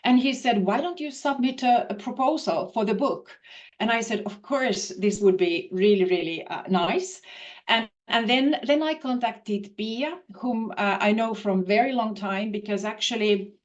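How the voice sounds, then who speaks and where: Professor woman, thoughtful, high voice. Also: unhurried, muffled recording. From Finland. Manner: thoughtful, with frequent fillers and restarts. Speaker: professor, interview guest. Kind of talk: video-call interview.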